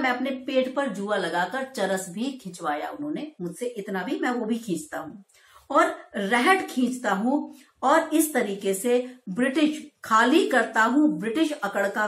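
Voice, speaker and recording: A woman teaching a school poetry lesson, her voice a little high. She reads each verse slowly and expressively, then explains it in everyday speech. The sound carries a roomy echo. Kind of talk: explaining a Hindi poem to school students.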